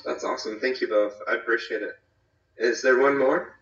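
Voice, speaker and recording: A man's voice: medium pitch, steady tone, fairly quick, a bit bright. Man leading a group on a video call. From eastern North Carolina. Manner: friendly, rambling with many fillers and restarts. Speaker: small group leader. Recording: echoey, distant, dull video call audio.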